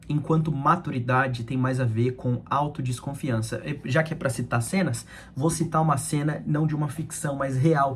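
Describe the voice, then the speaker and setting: A man's voice: medium pitch, slight background noise. A young man giving a conversational devotional talk, addressing his listeners as friends.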